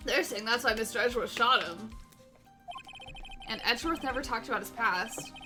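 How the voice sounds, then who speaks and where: A woman reading the lines of a gruff, loyal male police detective aloud while playing a game, with a folksy habit of calling everyone pal. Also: a little high, moderate pace, music in the background, close to an everyday voice.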